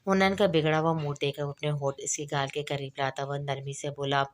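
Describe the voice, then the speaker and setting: A woman reading a romance novel aloud in steady narration, with small slips and restarts. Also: sits low, fairly quick. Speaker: audiobook narrator.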